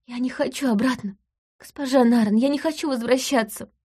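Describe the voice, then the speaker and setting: A woman's voice: a little high, lively intonation, mellow, slightly rough. A woman voicing a timid, stammering young woman. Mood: pleading. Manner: stammering, halting. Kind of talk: audiobook dialogue reading.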